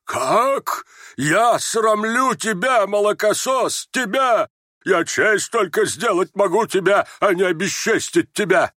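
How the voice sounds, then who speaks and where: A man reading aloud, voicing an old retired general who shouts, blusters and stammers. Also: mid-range voice, sing-song, takes it slowly, hardly any pauses, no echo, studio quality. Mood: raging. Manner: shouting, bellowing, stammering in confusion.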